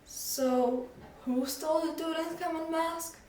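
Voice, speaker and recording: A woman's voice: on the high side, lively intonation, measured pace, a little hiss or hum. A woman doing an eager, curious boy. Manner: eager, questioning. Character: curious, anxious young boy. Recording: echoey room, voice from far off.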